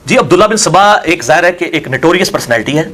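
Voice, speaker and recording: High-voiced, forceful man. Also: animated, a little hiss or hum. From Pakistan. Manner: forceful, scornful, rhetorical questions. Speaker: religious scholar answering questions. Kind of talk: heated religious Q&A.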